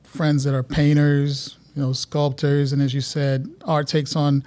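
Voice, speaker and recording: A man from Guyana, a guest artist telling stories in a relaxed interview chat, often restarting his sentences. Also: on the high side, measured pace. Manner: reflective, storytelling, many restarts.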